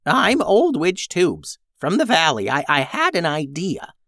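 A flustered old witch who talks slowly and stammers in a raised, reedy pitch, as a storyteller puts her on. The reading is close and dry, a storybook voice. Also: wildly swooping pitch, a bit bright, no room sound, heavily acted. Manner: slow, stammering, high.

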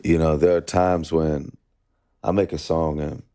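Deep mellow man, reflective guest musician. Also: flat delivery, a little slow, clean tone. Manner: reflective, loose, says "you know" often. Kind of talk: casual interview talk.

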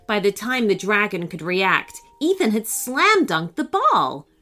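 A woman narrating a children's story in an expressive, animated way. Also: medium pitch, a little slow, faint music behind.

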